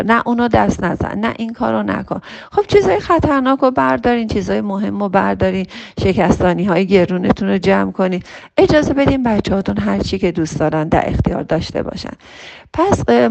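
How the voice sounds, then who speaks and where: Gravelly-voiced woman giving parenting advice. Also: mid-range voice, dry recording. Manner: warm, coaxing, addresses listeners as dear. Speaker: parenting advisor.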